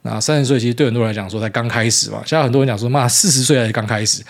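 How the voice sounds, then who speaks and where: A man's voice: medium pitch, racing, creaky. A man in his thirties with a Taiwanese Mandarin accent, hosting a casual solo podcast in a rambling, blunt way with mild swearing. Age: 30s. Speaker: podcast host.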